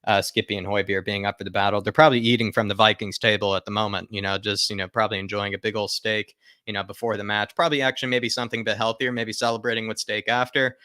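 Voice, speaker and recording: On this football fan livestream, the male host talks fast in a low-leaning, flat voice with a bright, forceful tone. He reads viewer comments aloud and chats casually and emphatically, frequently repeating himself for emphasis. It's a dry, studio-quality recording.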